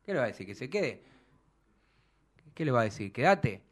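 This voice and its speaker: A man's voice: mid-range voice, big pitch swings, normal speed. A man with an Argentine Spanish accent hosting a football talk show, arguing his points emphatically and acting out quotes. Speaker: radio sports show host.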